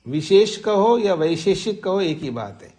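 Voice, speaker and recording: A man teaching a class on scripture, reciting Sanskrit phrases slowly and explaining them, often asking his listeners questions. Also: high-pitched, sing-song, warm tone. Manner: slow deliberate explaining, recites and repeats Sanskrit terms. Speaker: teacher of Vedanta sutras. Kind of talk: scriptural lecture. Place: ashram class.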